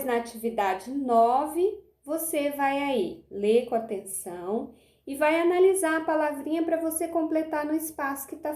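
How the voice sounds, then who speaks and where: Woman, primary teacher, slightly high voice, roomy echo. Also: a little mellow. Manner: patient, drawn-out words, often asks "tá bom?". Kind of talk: recorded remote lesson.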